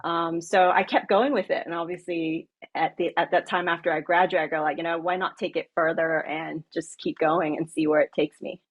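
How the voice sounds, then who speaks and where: A woman in her late thirties from Malaysia speaks on a coaching panel. Her voice sits low. She talks haltingly, with many pauses and fillers. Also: fairly even intonation. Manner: halting, many ums, laughs easily. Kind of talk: panel discussion.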